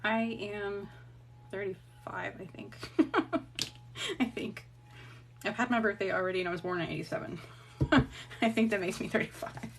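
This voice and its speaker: A woman's voice: medium pitch, normal speed, pauses often, slight background noise. Chatty woman in her thirties, rambling. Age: 30s. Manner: chatty, rambling, laughs often, swears casually. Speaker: TikTok live crafter. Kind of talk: casual chat while crafting. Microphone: phone.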